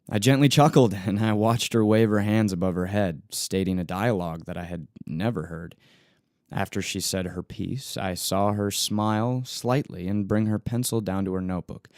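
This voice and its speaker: A man narrating his own first-person love story in an earnest, gentle way, with small stumbles and soft chuckles. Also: lowish voice, no room sound, clean studio sound.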